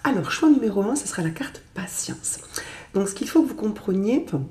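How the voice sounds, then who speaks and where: Woman with a cold, gentle chatty tarot reader. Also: mid-range voice, animated, fairly quick, reverberant. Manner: gentle, chatty, with many fillers. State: stuffy with a cold. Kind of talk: casual tarot reading to camera.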